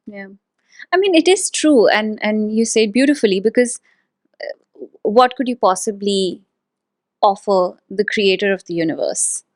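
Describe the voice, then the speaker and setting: A woman's voice: mid-range voice, lively intonation, moderate pace, long pauses, dry recording, clean studio sound. A woman hosting a podcast interview, speaking thoughtfully with small hesitations and frequent agreement. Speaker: podcast host. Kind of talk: conversational interview.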